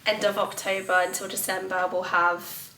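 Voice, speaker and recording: A young woman with a husky voice, chatting casually on a family vlog. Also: medium pitch, level tone, moderate pace, pushed and bright. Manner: chatty, storytelling. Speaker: vlogger. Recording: echoey, distant, noisy recording.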